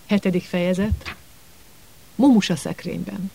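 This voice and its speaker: A man narrating an audiobook with steady storytelling. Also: high voice, vocal fry, husky.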